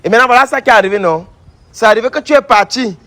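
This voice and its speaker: A man's voice: extremely high pitch, very fast, fairly bright tone. A man playing a traditional healer who scolds and accuses, repeating his lines over and over. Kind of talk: staged confrontation sketch.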